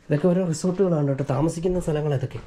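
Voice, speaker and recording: A man's voice: a little high, rapid-fire, dark tone, slight background noise. A man with a Malayali accent giving casual walking vlog commentary, mixing Malayalam with English words. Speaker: travel vlogger. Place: walking around an old village outdoors.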